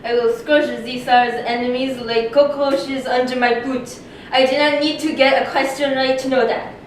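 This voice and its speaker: Woman as a high-voiced, arrogant, blustering emperor contestant; echoey room, audible noise. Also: little pitch movement, normal speed, lightly acted. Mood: boastful. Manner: pompous, blustering, fake French exclamations.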